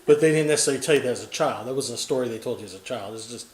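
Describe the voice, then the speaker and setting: A man's voice: mid-range voice, rapid-fire, echoey room, low-quality recording. Chatty man interviewing his grandmother. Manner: chatty, joking, rambling questions. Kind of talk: casual family interview.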